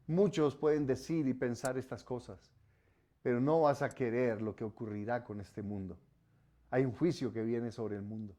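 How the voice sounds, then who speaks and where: Preaching as pastor, a man from Colombia lifts his voice for commands and lets it sink low and soft for solemn warnings.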